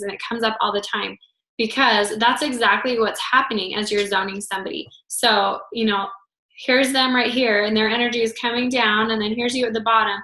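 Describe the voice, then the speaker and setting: A woman's voice: a little high, bright, forceful tone. A woman teaching a group in a casual, chatty way, full of filler words, her voice slightly worn. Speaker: foot zoning instructor. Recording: roomy echo.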